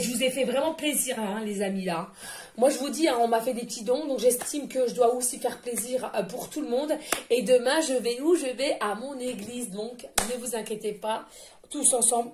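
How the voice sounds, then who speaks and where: Woman medium, high voice, gushing and talkative, speaks right to her audience during a card reading. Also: darkish tone, slight background noise. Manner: effusive, exclamatory, chatty; addresses listeners directly and often. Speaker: tarot and oracle card reader. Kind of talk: channeled card reading for viewers.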